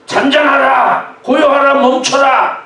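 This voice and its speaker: A stern, commanding teacher shouting orders at the storm, as a male preacher acts him out, his voice pitched high. It rings through an echoey church hall from a microphone set at a distance. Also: level tone, slow, heavily acted. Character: commanding teacher rebuking wind and waves.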